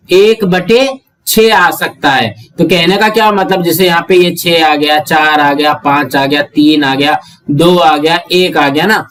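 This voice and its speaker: A man with an Indian Hindi accent teaches a math lesson, stopping often to ask the class rhetorical questions. He counts through items slowly, one by one. His voice sits fairly high for a man and sounds a little distant from the mic. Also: fairly bright tone. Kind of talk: classroom lesson explaining worked examples.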